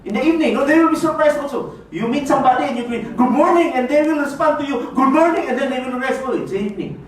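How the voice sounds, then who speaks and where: Speaking very quickly in a very high-pitched voice, this network marketing speaker from the Philippines delivers a lighthearted motivational seminar, laughing often and checking with the crowd with "no?" The room echoes, he sounds distant, and there's a faint hiss.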